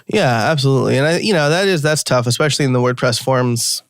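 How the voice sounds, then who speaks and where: A man's voice: mid-range voice, quick pace, dry recording, studio quality. A man from New York hosting a podcast, chatting casually with many fillers and easy laughter. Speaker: podcast host. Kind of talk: casual interview chat.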